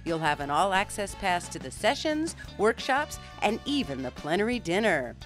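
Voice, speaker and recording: A woman's voice: medium pitch, big pitch swings, moderate pace, lightly acted. A woman playing an enthusiastic game show prize announcer with a showy delivery. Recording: music playing underneath.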